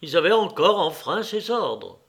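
A man narrating a classic novel in a measured, steady reading voice. His pitch sits a little high for a man, and the delivery is even and unhurried. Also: vocal fry. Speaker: audiobook reader. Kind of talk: scripted narration.

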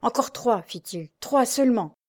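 A woman reading aloud as an old male quartermaster, a rough sailor who shouts urgently. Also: on the high side, expressive, normal speed, pitched above the performer's own voice. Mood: desperate.

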